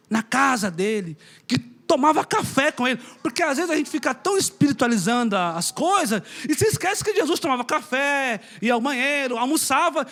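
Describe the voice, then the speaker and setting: High-voiced, lively preacher. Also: male voice. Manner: conversational, emphatic, joking with the congregation. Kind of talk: sermon.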